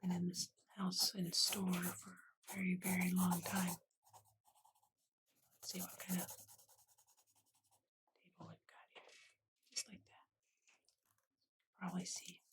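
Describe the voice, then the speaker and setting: An ASMR art channel host of unclear sex whispers softly and breathily into a close USB condenser mic, narrating a drawing in short, unhurried murmurs. The mid-range voice stays monotone and slow, with long pauses. The noisy recording picks up hiss, clicks, and the scratch of a pen.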